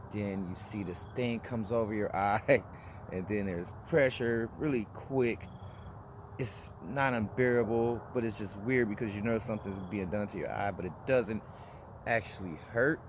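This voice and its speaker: Vlogger, man in his forties, low voice, loose rambling delivery, street noise behind. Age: 40s. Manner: rambling, with frequent restarts and fillers. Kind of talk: casual personal review.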